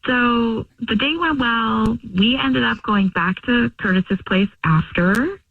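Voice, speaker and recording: A woman's voice: fairly high pitch, takes it slowly, creaky, no room sound. A young woman calling in to a radio show, chatty and rambling with lots of fillers. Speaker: caller. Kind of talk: phone call to a radio show. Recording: phone line from far off.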